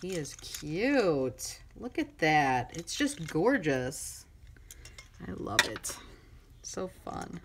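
A middle-aged woman crafting vlogger gushing excitedly over a mail swap, chatty and full of fillers. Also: deep voice, very slow. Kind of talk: casual unboxing chat. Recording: noisy room with crinkling and clicks.

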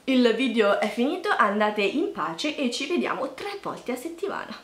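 Her voice runs on the high side and is very animated, at a normal speed. The early-20s YouTuber chats casually to camera with playful self-mockery, in a small bare room that leaves the audio echoey.

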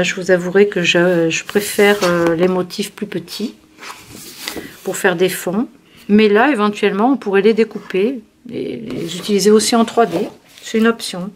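A woman's voice: mid-range voice, slight background noise. A woman hosting a craft channel, chatting casually through a product review with many fillers and restarts. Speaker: scrapbooking channel host.

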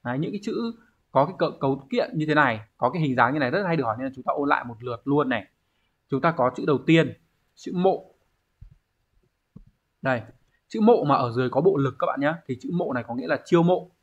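Male teacher, mid-pitched voice, explains step by step, muffled lo-fi sound. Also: lively intonation, quick pace. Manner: explanatory, checks in with students often. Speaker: Japanese teacher. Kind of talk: online exam review lesson. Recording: dull lo-fi recording.

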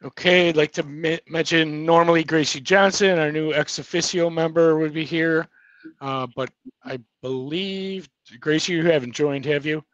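A man's voice: on the high side, fairly even intonation, normal speed, a bit bright, no room sound, dull audio. A man chairing a school board meeting, briefly calling on each member. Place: school library meeting room.

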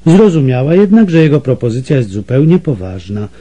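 A man narrating an adventure novel as an audiobook reader, telling it in an expressive storytelling manner. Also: mid-range voice, brisk, breathy edge. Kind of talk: scripted narration.

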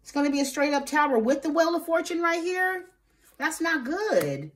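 A woman giving a casual tarot reading, sassy and expressive, swearing freely and talking straight to her viewers. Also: high voice, fast talker. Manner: talks straight to viewers, asks spirit aloud. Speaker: tarot reader.

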